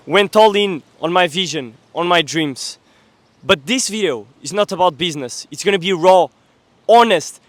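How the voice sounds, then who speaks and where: Young man, fairly high voice, intense and earnest, dry close sound. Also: fairly bright tone, no room sound. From Portugal. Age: 20s. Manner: intense, earnest, swears casually. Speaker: young entrepreneur, vlogger. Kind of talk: motivational monologue to camera.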